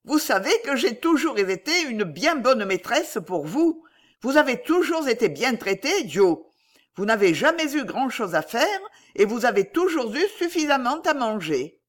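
A woman voicing a deaf, frightened old lady with a trembling, high-pitched voice. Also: sing-song, a little slow, few pauses. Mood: alarmed, shrill.

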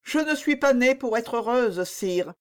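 A melancholy young princess speaks with a gentle, sorrowful firmness, as a woman narrator reads her. Her lines move slowly, with a wide, expressive pitch. Heard as an audiobook reading. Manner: soft, sad firmness.

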